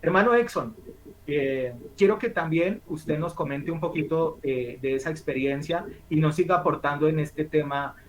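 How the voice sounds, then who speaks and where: A man hosting a church discussion who hands the floor to the next speaker, pausing with fillers. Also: on the high side, rough recording. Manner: hesitant, with filler sounds. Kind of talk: introducing a speaker.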